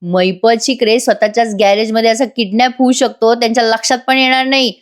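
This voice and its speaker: A woman voicing a scheming male kidnapper who mocks his captive with drawn-out taunts. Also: a little high, steady tone, lightly acted. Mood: taunting.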